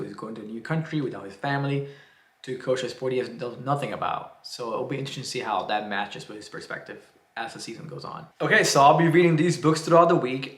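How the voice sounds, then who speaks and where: Here a man from Cuba, his voice medium in pitch and a bit bright, rambles chattily through a casual book vlog. He keeps saying "uh" and restarting sentences, and the room gives the audio a noticeable echo.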